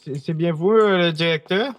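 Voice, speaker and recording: A man's voice: fairly high pitch, normal speed, lightly acted. A man playing a complaining hospital visitor in improvised role-play.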